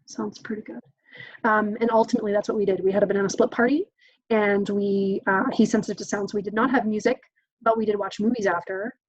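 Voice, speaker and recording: In an informal teaching session, a woman gives a parenting workshop, keeping it casual and chatty, frequently acting out exchanges between parent and child and using plenty of "um"s. Her voice is medium in pitch, and the recording has no room sound but lacks high frequencies.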